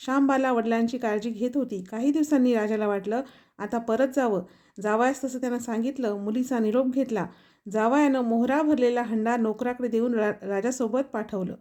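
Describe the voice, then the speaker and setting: A woman narrates a devotional folk tale at a steady, measured pace. Her voice is mellow and warm in tone and sits a little high. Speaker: storyteller. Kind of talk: devotional story reading.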